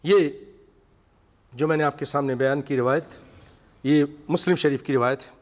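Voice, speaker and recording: A man preaching a sermon to a seated congregation, reciting Arabic passages and then explaining them in vivid storytelling. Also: fairly high pitch. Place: mosque hall with seated congregation. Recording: long echoey hall reverb.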